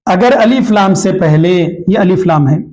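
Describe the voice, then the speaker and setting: High-voiced male tajweed teacher. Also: a little mellow. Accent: Hyderabadi Urdu. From Hyderabad, India. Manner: repeats each rule, slows down to recite the Arabic examples. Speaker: Quran recitation teacher. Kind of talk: tajweed lesson, explaining rules.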